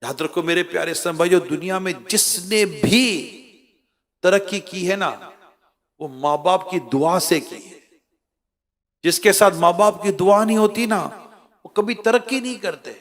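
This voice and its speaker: Preach with passion, swinging between loud appeals and hushed moments; you are a man with a fairly high voice in a long-reverb hall. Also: normal speed. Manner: impassioned, dramatic rises and drops. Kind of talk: emotional sermon with storytelling.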